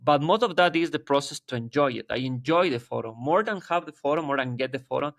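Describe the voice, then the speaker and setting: A man's voice: a little high, quick pace, gravelly, a bit bright, no echo, studio quality. A man in his thirties from Ecuador with an Ecuadorian Spanish accent, a guest talking in a casual interview, earnest and hunting for his words as he goes. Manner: earnest, searching for words, frequent restarts. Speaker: guest wildlife photographer.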